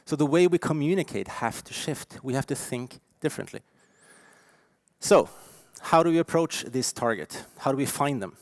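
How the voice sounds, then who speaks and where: A man in his forties with a Norwegian accent delivers a conference keynote from the stage. His voice sits at an average pitch and sounds dry and close, with little room around it. He talks emphatically, punching key words and dropping in fillers as he goes. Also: moderate pace, dry recording. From Norway. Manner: lively, emphatic, with frequent fillers. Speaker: keynote speaker.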